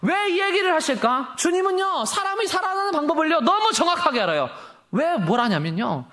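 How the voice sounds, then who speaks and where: Impassioned young male preacher, lively pitch. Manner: impassioned, rhetorical questions, quick swings in pitch and volume. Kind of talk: sermon.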